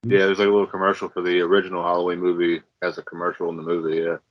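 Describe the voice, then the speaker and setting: A man's voice: low voice, completely flat delivery, racing, dry recording. A laid-back man co-hosting a podcast, chatting casually about a film with lots of fillers. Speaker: podcast co-host. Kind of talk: casual movie chat. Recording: dull, dry sound.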